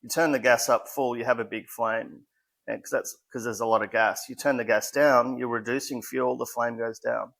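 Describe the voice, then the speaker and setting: An Australian man in his forties, a fire safety specialist, is a modest guest in a relaxed interview. His voice is medium-pitched, gravelly, steady and fairly bright at normal speed, and he explains plainly despite some hesitant restarts.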